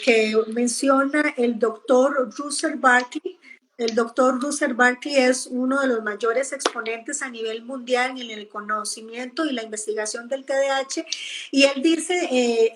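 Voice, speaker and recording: A woman psychologist giving gentle, explanatory advice to parents, with frequent hesitations and repeated words, speaking over a video call. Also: sits high, slight background noise, rough recording. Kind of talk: advice talk on a live or video chat.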